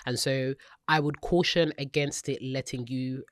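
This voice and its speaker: A woman co-hosting a podcast, who talks in an affirming, reflective and measured way. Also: rumbling low, steady tone, dry recording. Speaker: podcast co-host. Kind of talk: casual podcast chat.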